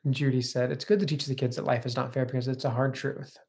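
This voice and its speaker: A man's voice: medium pitch, little pitch movement, fast, gravelly, a little mellow. Chatty man in his thirties, home kitchen. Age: 30s. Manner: chatty, reads viewer comments aloud. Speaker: co-host. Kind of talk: casual livestream chat.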